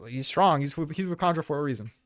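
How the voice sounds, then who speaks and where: In a fast, lively voice pitched a little high, with no room sound, this guy argues for the spots on his tier list. The casual manga character ranking debate has him loose, informal, and profane.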